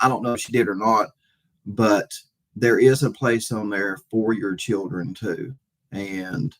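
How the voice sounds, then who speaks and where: Talking to his viewers on a relaxed livestream, a husky-voiced man with a lowish pitch hesitates, halts, and repeats himself.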